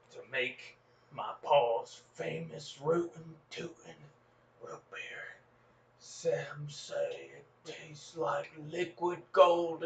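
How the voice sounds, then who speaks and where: A podcast host with a bright, forceful, somewhat high male voice plays a young frontier farm boy spinning a rambling tall tale in an exaggerated Old West drawl. It's comedic improvised storytelling, a folksy yarn full of gasps and exclamations. The recording is echoey and lo-fi, with the mic set far away.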